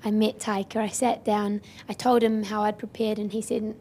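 A young actress being interviewed at a press event, speaking in a soft, earnest way. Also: female voice, mid-range voice, level tone, normal speed, background noise.

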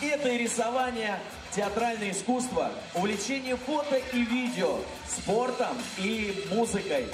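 A male show host with a high voice presents like a ringmaster, projecting ceremonially to a hall. The sound is distant and echoey, with music playing behind him. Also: lively intonation, a little slow. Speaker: contest host. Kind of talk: ringmaster-style stage announcing of contestants. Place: large theatre stage, indoors.

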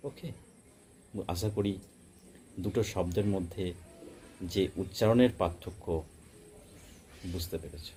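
Bengali guy teaching english pronunciation, real deep voice, slow and careful, bit of faint hiss behind. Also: warm tone. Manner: slow, deliberate explanation, spelling words letter by letter. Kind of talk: pronunciation lesson.

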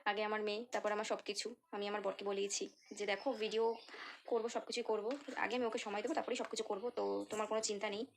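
A woman's voice: mid-range voice, level tone, fast talker, vocal fry, slight background noise. A young woman with a Bengali accent, chatting casually in a home vlog, sounding tired and unwell. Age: young adult. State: feeling unwell. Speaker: vlogger. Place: home kitchen and courtyard.

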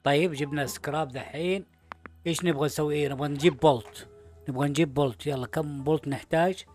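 A man's voice: on the high side, fairly even intonation, fast talker, darkish tone, faint music behind. A man giving casual let's-play commentary, chatting to himself as he plays. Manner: chatty, talks to himself while playing. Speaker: gaming YouTuber.

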